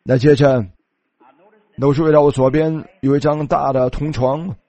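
A man's voice: on the high side, steady tone, moderate pace, warm tone, dry recording. A man preaching a sermon, telling a story and starting many phrases with a filler. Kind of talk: sermon storytelling in Chinese voice-over.

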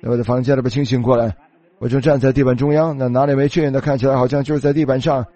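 A man's voice: mid-range voice, fairly even intonation, rapid-fire, dark tone, no echo. A man preaching a sermon, telling a story and starting many phrases with a filler. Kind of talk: sermon storytelling in Chinese voice-over.

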